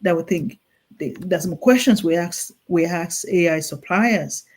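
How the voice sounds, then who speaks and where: A clinical nurse specialist with a Nigerian accent speaks as an interview guest, explaining things earnestly and urgently, often restarting and repeating herself. Her voice is fairly low and darkish, and she takes her time.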